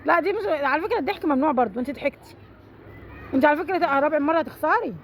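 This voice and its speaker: A woman's voice: high-pitched, expressive, racing, a little hiss or hum. A woman with an Egyptian accent running a family party game, teasing and bossing the players playfully. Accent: Egyptian Arabic. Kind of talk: casual family chat.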